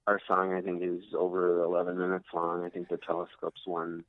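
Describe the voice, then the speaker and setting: In a low, completely flat voice and at a slightly fast clip, a US rock guitarist answers interview questions casually and unassumingly, with some hesitation. Slight background noise sits under the thin, phone-like audio.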